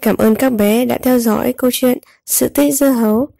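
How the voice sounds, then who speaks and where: A woman narrating a scripted storybook tale for young children, enunciating clearly as a storyteller. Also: a little high, steady tone, moderate pace, dark tone, no room sound.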